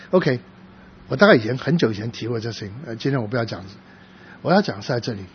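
Halting soft-spoken male pastor, lo-fi. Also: medium pitch, expressive. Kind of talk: sermon testimony. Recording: dull lo-fi with faint noise.

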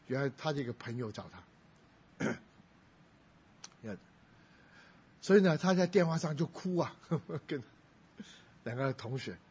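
A man's voice: mid-range voice, darkish tone, husky. A middle-aged male pastor preaching a sermon, telling a family story and raising his voice when he quotes people. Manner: storytelling, quoting others in a raised voice. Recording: dull lo-fi recording.

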